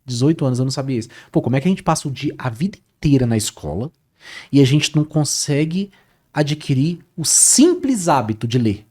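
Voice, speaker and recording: A man who teaches Portuguese is a guest in a casual interview, telling a story full of repetition and filler words. He's animated, repeats himself and keeps saying "cara," in a mid-range, fairly quick, slightly rough voice.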